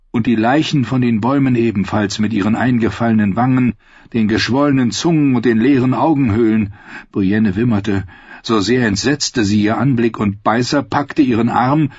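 A man reading a novel aloud in a measured, dramatic narration style. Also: fairly low pitch, breathy edge, no room sound, dull audio. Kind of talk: scripted audiobook narration.

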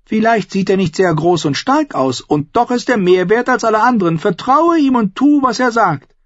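A man voicing a shrill, imperious middle-aged noblewoman who scolds in a high, vehement voice. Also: animated, moderate pace, no room sound, dull audio.

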